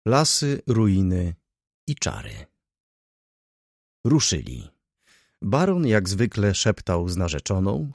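A man narrating an audiobook chapter with an expressive, measured reading. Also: deep voice, dry recording, studio quality. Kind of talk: scripted narration.

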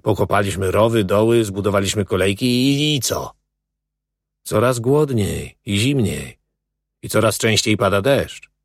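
Brief: a man as a worn-out labor-camp prisoner, resigned and brooding, low. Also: expressive, a little slow, dry recording, clean studio sound. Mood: bitter. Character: weary, bitter male prisoner at hard labor.

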